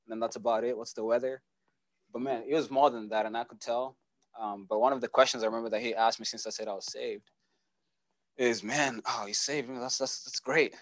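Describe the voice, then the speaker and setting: A young man from Kenya giving a casual, earnest church testimony, relaxed and full of fillers. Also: mid-range voice, no echo.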